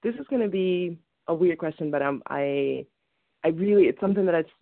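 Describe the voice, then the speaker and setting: A woman's voice: lowish voice, a little fast, no echo. A woman in her twenties from the Dominican Republic, calling in with a question, talking hesitantly with many restarts. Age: 20s. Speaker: caller. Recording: tinny phone line.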